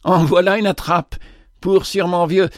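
A man's voice: sits high, flat delivery, a little slow, dry recording, studio quality, pitched above the performer's own voice. A man voicing a cheeky, mocking young soldier from Paris who teases his comrades. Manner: mocking, teasing.

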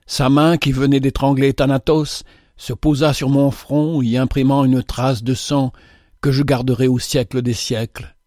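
A man narrating a literary story in a measured, dramatic storytelling manner. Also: mid-range voice, flat delivery, darkish tone, no echo, clean studio sound.

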